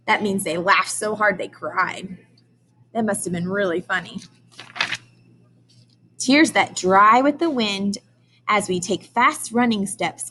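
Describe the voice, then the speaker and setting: Using a medium-pitched, bright and forceful voice, this early-grades teacher leads young children through a read-aloud, prompting with questions and carefully sounding out key words. A little hiss or hum runs through the audio.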